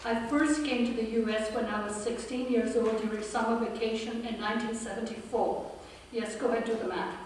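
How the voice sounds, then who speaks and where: A woman in her fifties, born in India and raised in Pakistan, giving an earnest, measured campaign speech with dry humor at a forum. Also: fairly high pitch, fairly even intonation, noisy background. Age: 50s. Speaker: political candidate. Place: forum room with an audience. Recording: echoey hall from far off.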